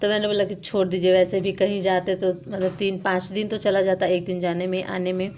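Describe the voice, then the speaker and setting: A woman's voice: medium pitch, level tone, brisk, a little mellow, a little hiss or hum. Chatty young woman vlogging. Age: young adult. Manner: chatty, rambling, with many fillers. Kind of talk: casual vlog narration.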